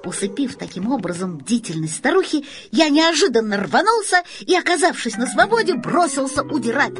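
A woman narrating a story in an expressive reading voice. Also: sits high, normal speed, faint music behind. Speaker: audiobook reader.

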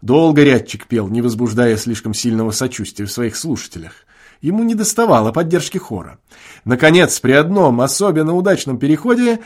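A man narrates classic prose as an audiobook, with a theatrical, expressive delivery. His voice sits on the higher side for a man.

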